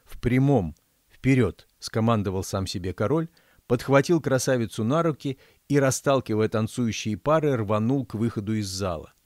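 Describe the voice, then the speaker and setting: A man, the author, reading his fairy-tale audiobook in a measured, storytelling manner. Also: lowish voice, animated, no room sound, studio quality. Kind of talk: audiobook narration.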